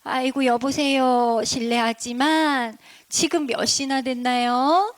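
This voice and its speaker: A woman voicing a hurried, polite old grandmother in a children's story, fretful and drawn-out. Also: high voice, fairly even intonation.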